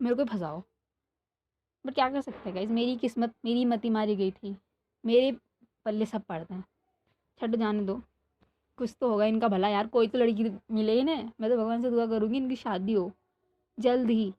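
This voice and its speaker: A young woman talks in a lively, rambling way, griping and laughing as she vlogs and narrates a story from her bedroom. Her voice sits fairly high. The home recording sounds dull and lo-fi. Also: moderate pace. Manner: rambling, animated, complaining. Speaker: storytelling vlogger. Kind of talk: casual chatty vlog and story narration. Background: neighbour's music playing.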